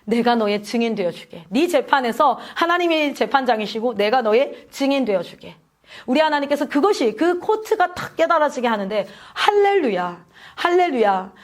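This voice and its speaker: A woman's voice: high voice, sing-song, moderate pace. A woman missionary preaching a sermon at a prayer meeting, asking the congregation questions and calling out hallelujahs.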